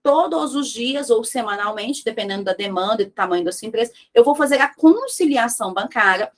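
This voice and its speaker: A woman gives a business lesson in a high voice. She is lively and talks straight to her audience. Now and then she acts out short office dialogues. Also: brisk. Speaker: business mentor.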